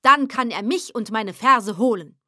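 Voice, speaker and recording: An embittered, excitable poet, acted by a woman reciting verse, declaiming loudly with a raised, higher voice. The delivery is heated and theatrical, and the recording is dry and close. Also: unhurried, dry recording. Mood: bitter. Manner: loud, declamatory and agitated.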